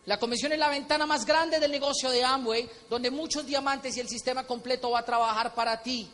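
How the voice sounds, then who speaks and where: A man with a Colombian accent telling a story at a convention, animated and acting out quotes. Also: extremely high pitch, fairly quick. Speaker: motivational speaker. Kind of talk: stage talk at a convention. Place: large convention hall. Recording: echoey hall with faint noise.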